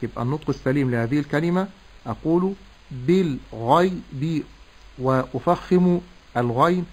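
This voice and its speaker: Man teaching recitation, slow and precise. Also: on the high side, rough recording. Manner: slow, deliberate syllable-by-syllable demonstration. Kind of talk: tajweed lesson.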